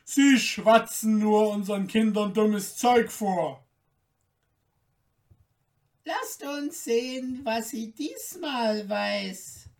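Gruff, hostile male gate guards bark mocking orders at full volume, as a woman storyteller puts them on. The shouts are raised and pitched a little up, and the whole reading sits back from the microphone. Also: very slow, far from the mic. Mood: impatient. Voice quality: rough, deep-voiced per the tale, shouted. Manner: loud barking commands, mocking.

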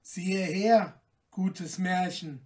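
A kindly, fatherly storybook man speaks calmly and gently, as a woman narrator reads him. The delivery is slow and unhurried, with the microphone set well back. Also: on the low side, far from the mic. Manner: calm, warm-hearted, unhurried.

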